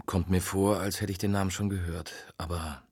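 A brusque, grumbling detective, as a male audiobook reader puts him on, cuts his caller short. The voice is low and husky, and it sounds dry and close to the mic. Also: fairly even intonation, normal speed, a little mellow, no room sound. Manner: curt, grumbling. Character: gruff, curt middle-aged police detective. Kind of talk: audiobook dialogue.

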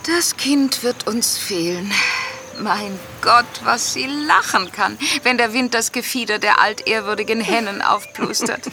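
A woman's voice: on the high side, unhurried, bright, forceful tone, slight background noise. An actress playing an outspoken, motherly older woman in a radio play, speaking emphatically. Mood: indignant, fond.

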